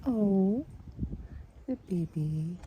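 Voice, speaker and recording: A man's voice: high voice, animated, extremely slow, warm tone, a little hiss or hum. A man talking baby talk to his pet gosling, cooing, doting and laughing often.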